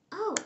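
A young girl casually reviews candy at a table at home. She is chatty and giggly and now and then slips into English phrases.

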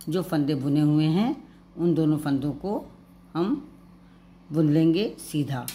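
A woman with a Hindi accent teaching a knitting pattern step by step, calm and patient, repeating each instruction slowly. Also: sits low, a little hiss or hum.

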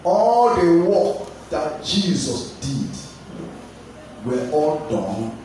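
A man's voice: fairly high pitch, big pitch swings, very slow, slight background noise. A young man with a Nigerian English accent preaching a sermon into a handheld microphone, calling out questions for the congregation to answer. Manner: call-and-response preaching, shouts at peaks. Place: large tiled church hall. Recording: echoey hall filmed from a distance.

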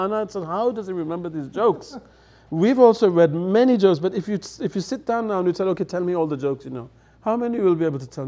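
With a high-pitched, dark-toned voice, a middle-aged man who speaks English natively shares anecdotes as the elder guest, chatty and laughing, acting out quoted lines at a table on a studio set with dark curtains.

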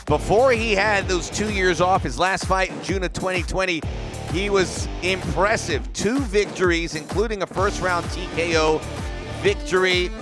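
A man's voice: high voice, normal speed, music in the background. A man giving live sports commentary as the lead commentator at a fight.

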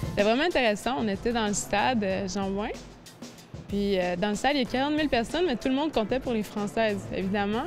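A young woman with a Quebec French accent talks through her season in a lively, chatty manner. Her voice sits at a middle pitch, with music playing clearly behind her. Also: brisk. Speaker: athlete interviewee. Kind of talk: casual interview answers.

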